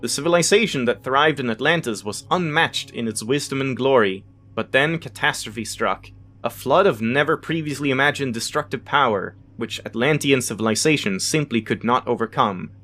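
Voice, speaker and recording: In this let's play, the host's voice is medium in pitch, pushed and bright, delivered at a moderate pace. He reads the game's text aloud with relaxed asides, now and then stumbling over unfamiliar words and fixing them, while game music runs in the background.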